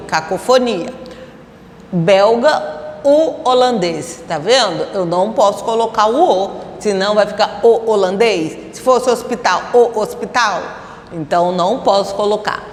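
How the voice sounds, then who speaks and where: A woman's voice: medium pitch, echoey room, big-room sound. A Brazilian Portuguese-speaking woman teaching a Spanish grammar lesson, explaining step by step and asking her students rhetorical questions.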